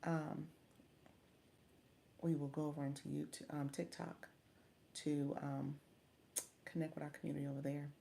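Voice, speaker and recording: Upbeat gravelly-voiced woman livestream host. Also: sits low, little pitch movement, moderate pace, long pauses, a little hiss or hum. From Chicago, US Midwest. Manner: warm, upbeat, thanks viewers often, calls them friend. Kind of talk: casual livestream chat reading viewer comments.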